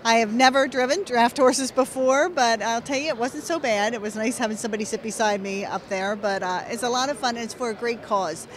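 A woman's voice: a little high, a little fast, few pauses, crowd noise. A middle-aged woman giving an informal on-site interview as an event participant. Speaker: state legislator, event participant. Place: large indoor horse show arena. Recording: clear ambient noise of busy arena.

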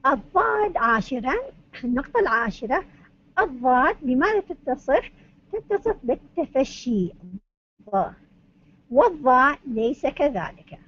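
A woman's voice: high-pitched, fairly bright tone. A woman giving a university lecture, going point by point and asking and answering her own questions. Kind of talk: academic lecture on Arabic phonetics. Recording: dull lo-fi recording.

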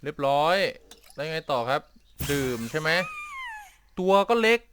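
Male gameplay commentator, lively pitch, puzzled and exclamatory, faint noise under the voice. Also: moderate pace. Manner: puzzled, exclaiming, talks to the game. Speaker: gameplay streamer. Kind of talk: casual game commentary.

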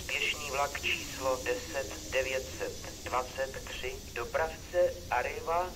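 A man's voice: mid-range voice, far from the mic. A man making scripted railway station announcements in a formal, segmented delivery over an outdoor public address system. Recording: outdoor station loudspeaker, loud ambient noise. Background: loud railway station ambience.

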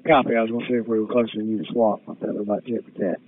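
A fire engine crew officer on a two-way radio, trading clipped call signs and replies. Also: male voice, fairly low pitch, level tone, rapid-fire. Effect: two-way radio transmission. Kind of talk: terse fire radio traffic. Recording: tinny two-way radio with hiss.

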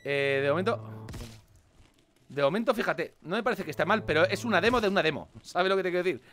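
A man with a Spain Spanish accent commenting on a game he plays, animated and swearing, with mock-dramatic outbursts. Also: high-pitched, fast. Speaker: gaming video host. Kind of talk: casual gameplay commentary.

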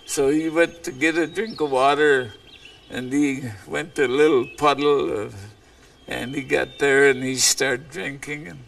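A man telling an animal folk tale aloud in a slow, rambling way, often repeating words. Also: mid-range voice, steady tone, creaky, fairly bright tone, recorded from a distance, a little hiss or hum. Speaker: storyteller.

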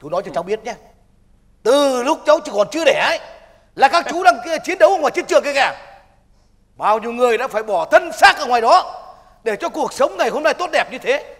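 A loud old army veteran who quarrels with his neighbors and scolds young troublemakers. His voice is high and gravelly, with animated swings. The stage reverb is long. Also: exaggerated voice. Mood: scolding. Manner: blustering, quick to argue.

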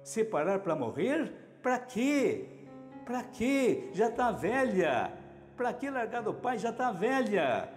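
A man's voice: a little high, very animated, normal speed. A man voicing an exasperated adult daughter who pleads with her mother and fires scolding questions. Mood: pleading. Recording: echoey hall with music underneath.

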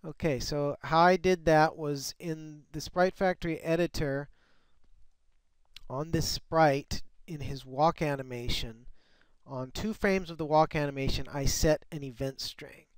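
A man walking through a screen-recorded software tutorial, often restarting and repeating words as he explains. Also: fairly high pitch, measured pace, clear, resonant tone, no echo. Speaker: software developer demonstrating his tool.

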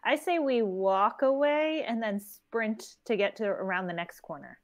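A woman's voice: medium pitch, lively intonation, a little slow. A woman playing a remote tabletop game, mostly giving short replies with some hesitant starts. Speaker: player. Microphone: remote online call.

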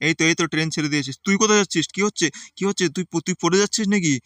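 A man's voice: a little high, fairly even intonation, rapid-fire, fairly bright tone, no echo, clean studio sound, natural voice. A man voicing a bossy but caring uncle who reassures and lectures his nephew. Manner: reassuring, lecturing, repeats "ঠিক আছে". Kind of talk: game play voice acting.

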